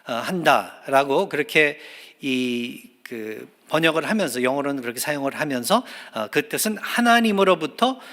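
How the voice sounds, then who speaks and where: Male pastor, fairly high voice, halting sermon delivery full of "ah" fillers, echoing church hall. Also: lively intonation, a bit bright. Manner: hesitant, with many drawn-out "ah" and "uh" fillers; earnest, repeats key phrases for emphasis. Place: church sanctuary. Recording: long church hall reverb.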